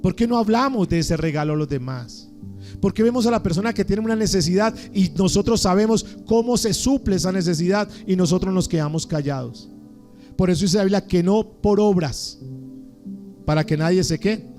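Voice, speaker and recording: A man's voice: sits high, brisk, darkish tone. A man preaching a sermon as pastor, putting questions to his congregation. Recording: faint music underneath.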